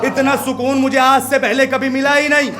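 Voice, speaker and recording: A man's voice: extremely high pitch, normal speed, heavy background noise, pitched above the performer's own voice. Preacher voicing a serene, steadfast old man. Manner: calm, smiling, steadfast. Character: old devoted man, beaten yet serene. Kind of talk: sermon storytelling. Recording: crowd heard around speaker. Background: listening congregation.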